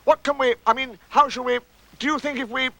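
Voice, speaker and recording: A simple, earnest bear from a storybook, voiced by a man, pitched above an everyday male voice. He muses aloud in a halting, hesitant way. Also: huge pitch swings, sharp tone, full character voice.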